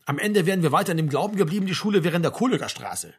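A man's voice: high-pitched, lively intonation, very fast, gravelly, breathy edge, heavily acted. A man reading a novel aloud, voicing a sardonic, mocking male drinker. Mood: sarcastic. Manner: mocking, ironic.

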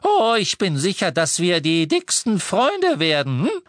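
A man's voice: high voice, sing-song, unhurried, fairly bright tone, no room sound, studio quality, voice pushed up, heavily acted. A man voicing a cheerful, slightly flustered wizard.

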